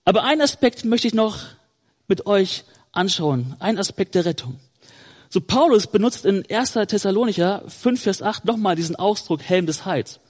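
A man's voice: sits high, lively intonation, moderate pace, long reverb tail. A man preaching a sermon, earnest and encouraging, who addresses listeners directly and often says "hey".

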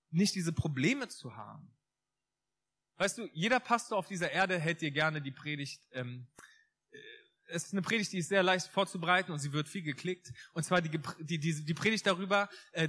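A man preaching a lively, informal sermon, talking straight to his listeners and repeating key phrases for emphasis. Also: high voice. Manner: emphatic, repeats phrases, laughs at own jokes; addresses listeners directly, informal asides.

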